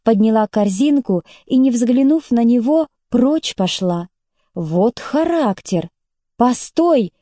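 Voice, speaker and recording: A woman narrating an audiobook in a measured storytelling manner. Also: fairly high pitch, animated, warm tone, no room sound, studio quality. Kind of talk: scripted narration.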